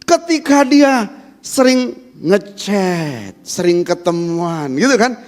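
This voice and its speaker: A man's voice: high voice, lively intonation, slow. A male pastor delivers a sermon at a Sunday service, his voice swinging widely up and down as he preaches. He talks directly to the congregation and keeps throwing rhetorical questions at them. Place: church during a Sunday service.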